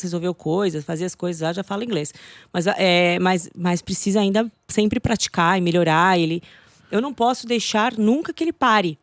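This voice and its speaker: Fast-talking woman telling lively stories. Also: mid-range voice, no room sound. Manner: lively storytelling, acting out quoted voices. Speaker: English teacher guest. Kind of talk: casual podcast chat.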